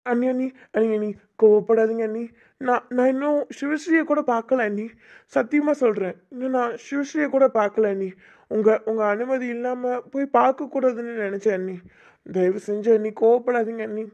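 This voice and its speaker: A woman's voice: fairly high pitch, fairly quick, darkish tone, muffled recording, close to an everyday voice. Woman voicing a desperate, begging young man. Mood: pleading. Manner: begging, stammering repeats. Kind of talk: amateur audio drama.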